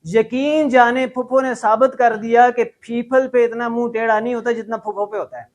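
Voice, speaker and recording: A young Pakistani man with a Pakistani accent, teaching an English class and drilling students in loud call-and-response. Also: very high voice, steady tone, moderate pace. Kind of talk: classroom lecture.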